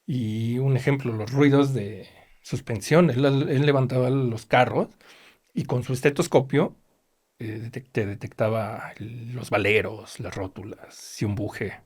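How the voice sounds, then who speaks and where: A man's voice: mid-range voice, unhurried, breathy edge. A middle-aged man with a Mexican accent, a chief mechanic telling stories in a casual interview and acting out the lines of other people. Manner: animated, acts out quoted dialogue. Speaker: race team chief mechanic.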